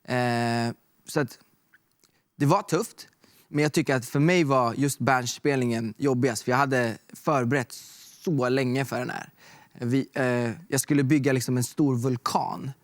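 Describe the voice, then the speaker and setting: A young man talking as a guest, telling stories in a relaxed way with many fillers. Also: medium pitch, no room sound, clean studio sound. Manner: relaxed storytelling with fillers like "liksom" and "typ". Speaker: guest artist. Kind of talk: casual chat.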